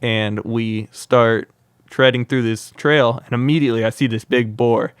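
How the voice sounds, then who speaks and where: In an unhurried, smooth, medium-pitched voice, a young wildlife content creator shares wild anecdotes as a podcast guest, filling them with plenty of "like." The recording is dry and studio quality.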